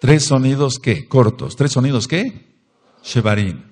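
A man's voice: mid-range voice, animated, unhurried, background noise. A man with a Mexican Spanish accent preaching a sermon as pastor, emphatic, repeating phrases and asking the congregation questions. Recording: long hall reverb.

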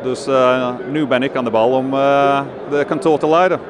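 A man in his forties from London, a native English speaker with an English accent, speaking haltingly in an interview on a handheld microphone. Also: mid-range voice, steady tone, background noise. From London, England. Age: 40s. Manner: halting, searching for words in second language. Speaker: company director being interviewed. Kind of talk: on-camera trade fair interview. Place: busy indoor trade fair stand. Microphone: handheld interview microphone close below chin. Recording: clear bustle of busy exhibition hall behind.

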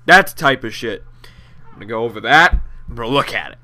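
A man's voice: mid-range voice, fast, bright, forceful tone. A young man giving rambling, profane, sarcastic commentary over his gameplay, with a nasal voice. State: out of breath. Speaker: gaming commentator.

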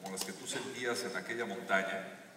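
Man, earnest motivational stage talk, lowish voice, distant theater recording, heavy echo. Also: steady tone, brisk, bright, forceful tone, a little hiss or hum. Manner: earnest, building to emphatic climaxes. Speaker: guest speaker on a live stage talk. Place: large theater stage with audience. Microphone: stage PA, recorded from the audience seats. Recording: echoey theater audio from far off.

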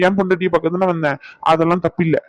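A man's voice: fairly high pitch, fairly even intonation, very fast, no echo, lightly acted. A man voicing an exasperated young husband, a doctor, who pleads and complains to his grandmother about his wife. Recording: dull lo-fi.

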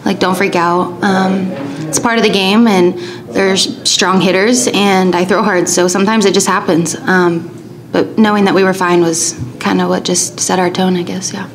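A young woman college pitcher answering questions at a press conference, casual and loose, with lots of filler words, into a table mic. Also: flat delivery, normal speed, a crowd in the background. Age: young adult.

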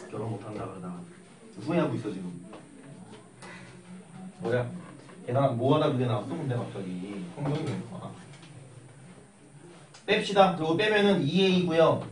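A young man teaching math in a classroom, telling an animated story and acting out the voices. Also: medium pitch, noisy background. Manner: animated, acts out voices while telling stories. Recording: echoey room, mic at a distance.

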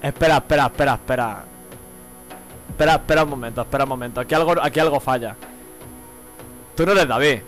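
A man's voice: mid-range voice, racing, faint music behind, poor audio. A young man with a Spain Spanish accent, giving slangy, profane live gameplay commentary and laughing often. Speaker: gaming streamer.

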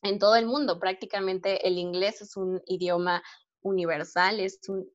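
A woman gives a live online English lesson, patient and encouraging as she explains, with frequent check-ins. Her voice sits at a middle pitch. The stream audio is dull and dry, with little room sound. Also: steady tone, moderate pace, dry recording. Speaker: English teacher.

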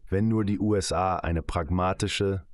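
Male voice-over for an interview guest: very low voice, steady and measured.

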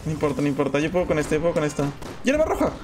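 Male game streamer, high and animated, excitable, noisy recording. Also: rapid-fire. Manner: excitable, yells and whines at the game. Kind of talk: gameplay commentary.

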